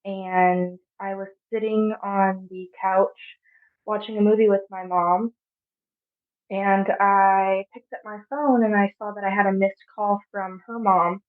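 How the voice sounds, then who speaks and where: Young woman, 20s, from Arizona, soft halting storyteller, narrow phone-like audio. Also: mid-range voice, fairly even intonation. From Arizona, USA. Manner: soft, halting, with frequent pauses. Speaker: podcast guest. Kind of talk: personal storytelling.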